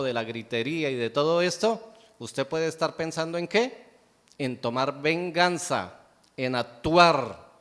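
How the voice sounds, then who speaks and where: A man's voice: fairly high pitch, fairly bright tone. Preaching man in a reverberant church. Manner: asks the congregation rhetorical questions, answers them himself. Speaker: pastor. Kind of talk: sermon. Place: church sanctuary. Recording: long church hall reverb.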